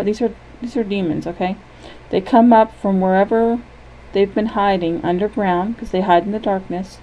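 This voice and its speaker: A woman with a mellow, warm tone leads a guided imagery lesson. Her voice sits at a middling pitch, and she speaks gently and unhurriedly, often pausing to ask "okay?". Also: rough recording.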